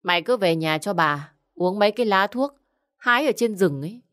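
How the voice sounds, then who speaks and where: A woman's voice: medium pitch, animated, a little fast, a bit bright, lightly acted. A woman voicing a rude, stingy middle-aged village man who scolds curtly. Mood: scolding. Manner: scornful, scolding, curt.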